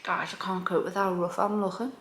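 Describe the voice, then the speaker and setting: A woman's voice: medium pitch, flat delivery, fairly quick, fairly bright tone. Chatty woman, echoey room. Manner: informal, self-deprecating, thinking aloud. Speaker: home renovation vlogger. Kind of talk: casual chatty room-tour vlog. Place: indoors in a living room. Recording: echoey room, background noise.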